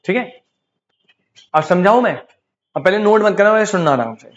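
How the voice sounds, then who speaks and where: A man's voice: high voice, animated, normal speed, highs cut off. A man with an Indian accent teaching commerce law in a casual lecture, calling students "beta" and asking them rhetorical questions. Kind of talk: casual Hindi-English lecture.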